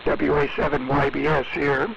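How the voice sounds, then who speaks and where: An older man checking into a ham radio net, his voice coming through a slightly mistuned sideband radio signal, talking about his gear in a halting way full of fillers. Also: fairly high pitch, little pitch movement, creaky. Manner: halting, filler-heavy technical talk. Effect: slightly mistuned single-sideband ham radio signal. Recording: noisy, lo-fi shortwave radio reception.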